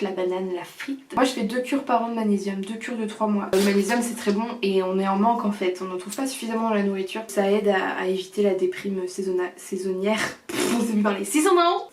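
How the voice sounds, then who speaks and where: A woman's voice: mid-range voice, a little mellow, a little hiss or hum. A young woman vlogging casually at home, chatting and joking through her evening skincare routine. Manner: chatty, joking, breaks into snatches of song. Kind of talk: casual vlog chat. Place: home bathroom. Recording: echoey bathroom.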